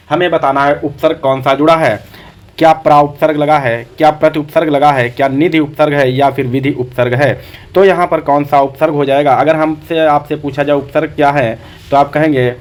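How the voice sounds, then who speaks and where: A man's voice: a little high, a little mellow. A man teaching a Hindi exam-prep class, repeating each answer back as a question to his students.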